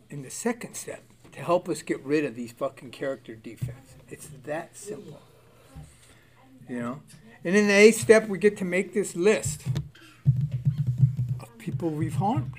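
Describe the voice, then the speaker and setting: An older man speaking about his recovery in candid personal testimony, blunt and profane, often laughing at himself. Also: sits high.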